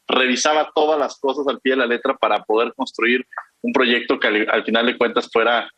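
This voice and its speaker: A man with a Mexican accent hosting a radio talk show, courteous and gently rambling as he thanks guests and announces the credits. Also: mid-range voice, fairly even intonation, fairly quick, no echo, muffled recording. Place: radio studio.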